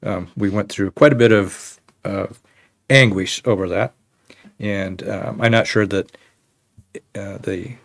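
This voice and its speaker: A middle-aged man on a council speaking hesitantly and skeptically, with many pauses. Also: lowish voice, steady tone, gravelly, no room sound, studio quality. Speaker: council member. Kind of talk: council debate.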